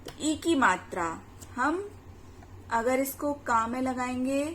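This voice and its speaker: A woman with a high voice gives a children's letters lesson, speaking slowly and drawing out each syllable for the class to repeat. She keeps checking in with short questions to the children. The recording is roomy and echoey, with a faint hiss behind her. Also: expressive, a bit bright. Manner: slow, drawn-out syllables for repetition. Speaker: teacher. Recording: echoey room with faint ambient noise.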